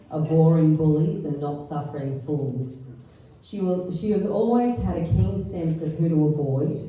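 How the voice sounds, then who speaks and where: A middle-aged woman reading a mother of the bride speech, affectionately roasting with dry, deadpan humour. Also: deep voice. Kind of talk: wedding speech read aloud, affectionate roast. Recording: echoey venue, far from mic, faint noise.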